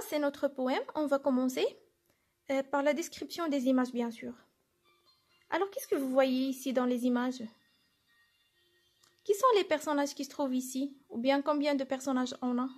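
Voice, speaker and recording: A woman teacher giving a lesson, explaining step by step and answering her own questions. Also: high-pitched. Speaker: French teacher. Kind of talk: classroom lesson.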